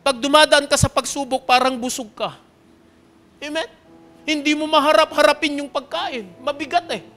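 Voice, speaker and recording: High-voiced, bright male pastor preaching. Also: steady tone, moderate pace. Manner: earnest, often checks in with the congregation; swings between soft, hushed passages and loud, pleading ones. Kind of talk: personal testimony sermon.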